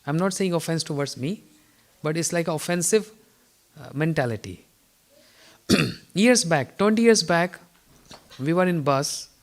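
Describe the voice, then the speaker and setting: A man giving an informal morning spiritual lecture, telling stories with chuckles and throat clearing. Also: on the high side, lively intonation, measured pace, long pauses. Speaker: spiritual teacher.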